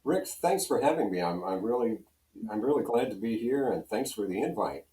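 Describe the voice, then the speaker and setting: An older American man from Pennsylvania, a radio program director, appears as a guest telling casual, folksy, self-deprecating anecdotes. His lowish voice is expressive and dark in tone, at a moderate pace. The recording has a roomy echo, with him distant from the microphone.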